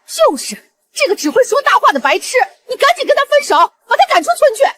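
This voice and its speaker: A shrill nagging mother. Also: big pitch swings, quick pace, a bit bright, full character voice. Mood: scolding. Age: 50s. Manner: nagging, scolding. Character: shrill, pushy middle-aged village mother. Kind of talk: short drama acting.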